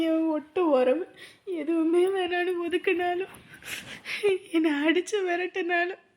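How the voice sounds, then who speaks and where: An actress playing a sorrowful young wife in a TV serial, speaking in a plaintive, pleading way. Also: female voice, very high voice. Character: sorrowful young wife longing for her estranged mother. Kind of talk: TV serial acting.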